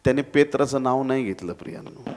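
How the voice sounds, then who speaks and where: A man's voice: mid-range voice, fast talker. A man preaching a sermon in church, dramatically acting out voices and calling out to the congregation. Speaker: pastor.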